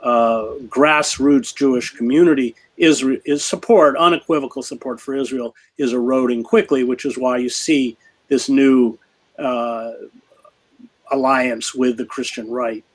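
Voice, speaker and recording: Fielding an interviewer's questions, a male journalist guest speaks gravely and deliberately, often using fillers and starting over. He keeps a steady tone at medium pitch.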